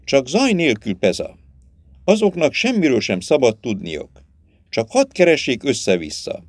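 A stern master giving quiet, curt orders to his guard, as a male narrator plays him. His commands rise and fall with a lively pitch. The recording is dry and close. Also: no room sound.

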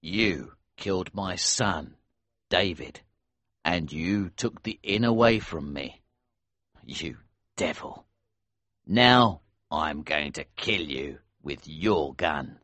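A man's voice: low voice, sing-song, takes it slowly, pauses often, pushed and bright, no echo, exaggerated voice. A man voicing a grieving, vengeful smuggler father in a storybook, cold and menacing in his delivery. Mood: cold vengeance. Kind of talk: audiobook character acting.

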